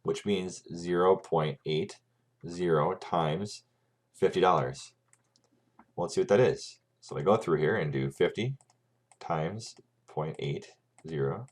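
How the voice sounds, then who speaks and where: A man's voice: low-pitched, slow pace, long pauses. A man teaching a math lesson over a screencast, talking through each calculation step by step and often checking in with "right?".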